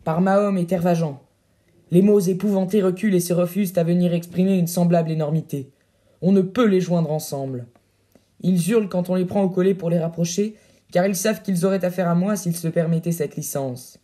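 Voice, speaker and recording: A swaggering captain full of pompous bluster, voiced by a man reading an audiobook. The voice sits high yet sounds dark and mellow. He boasts in grand, puffed-up phrases. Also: fairly even intonation, brisk, lightly acted. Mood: furious ranting.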